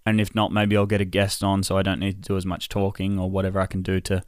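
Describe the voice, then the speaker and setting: A man hosting a solo podcast in a casual, low, unhurried and subdued way, sounding tired and sore. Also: completely flat delivery, clean tone, no room sound, clean studio sound. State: tired and in pain, recovering. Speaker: podcast host.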